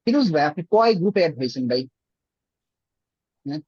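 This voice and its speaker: A man's voice: fairly high pitch, animated, quick pace, darkish tone, breathy edge, dry recording, lo-fi sound. A man teaching Arabic in an online class, explaining patiently with everyday examples. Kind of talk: online class over a group call.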